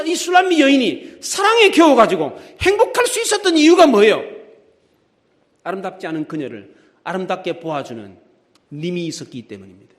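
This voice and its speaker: A middle-aged male pastor preaching in a church, with an unusually high voice. His pitch leaps and dips as he acts out scenes, shouting some lines and dropping to a hush for others. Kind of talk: sermon. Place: church sanctuary.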